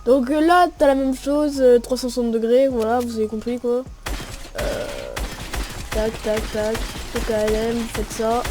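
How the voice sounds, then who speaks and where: A woman's voice: on the high side, a little slow. A young woman giving casual, slangy gameplay tutorial commentary and voicing her own shot noises as she plays. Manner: slangy and relaxed, narrating with spoken shot noises. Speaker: gaming video creator. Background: music and gunfire from the game.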